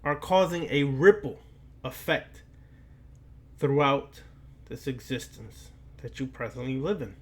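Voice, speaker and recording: A medium-pitched, animated man gives a preacher-style esoteric lecture as an occult speaker. Long pauses punctuate his deliberate, halting phrases, and he keeps repeating key lines to underline them.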